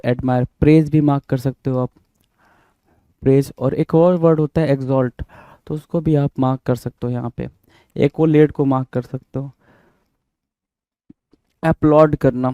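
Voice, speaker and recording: Indian male tutor, very dark flat voice, dry close mic, spells words aloud and quizzes the class. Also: mid-range voice, no room sound, low-quality recording. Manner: repeats words and spells them out letter by letter, quizzing the viewer. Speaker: teacher. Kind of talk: vocabulary lesson in Hindi-English mix.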